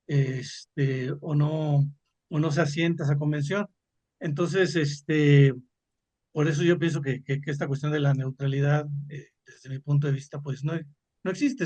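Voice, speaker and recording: A Mexican-accented man talks his way through an idea at a panel, pausing often on fillers and restarting his phrases. His voice sits a little higher than most men's. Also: a little mellow. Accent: Mexican Spanish. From Mexico (Veracruz). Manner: hesitant, many fillers and repeated words. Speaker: panel participant, theater actor. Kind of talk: spontaneous panel discussion.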